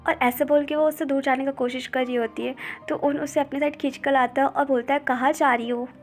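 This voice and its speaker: A woman with a high voice retells a comic story in a casual, running narration, linking each line with quick "then he says" turns. Soft music runs faintly behind her. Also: steady tone. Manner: brisk retelling with "he says" links.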